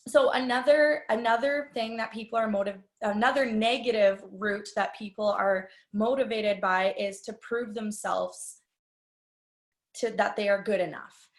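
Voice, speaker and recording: A woman with a mid-range voice and measured pace delivers a business training talk live in an echoey room. Her manner is confiding and conversational, with direct address to listeners and personal stories.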